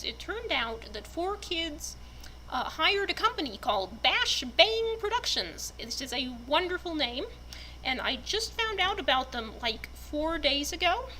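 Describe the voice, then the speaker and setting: An enthusiastic fan with a high, bright voice narrates in a very animated, expressive way, like reading aloud for fellow fans, mixing dramatic reading with casual fan commentary. The audio is poor, with a faint noise behind her.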